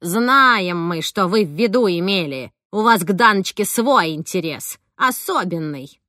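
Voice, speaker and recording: A woman's voice: fairly low pitch, expressive, measured pace, dry recording, clean studio sound. A woman voicing a scolding older nanny. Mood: scornful. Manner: sharp, scolding, folksy speech. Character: combative older woman nanny, folksy and protective. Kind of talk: audiobook character voice.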